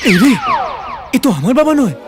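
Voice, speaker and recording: A man's voice: very high voice, very animated, a little fast, loud music behind the voice. An actor playing a nervous young man who stammers while pretending to be someone else on the phone.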